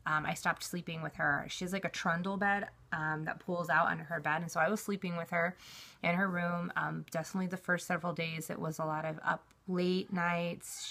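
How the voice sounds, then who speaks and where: A woman's voice: on the low side, gravelly, bright, forceful tone. A middle-aged woman giving a casual personal update, talking in a rambling, conversational, explanatory way. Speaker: vlogger, parent giving a recovery update.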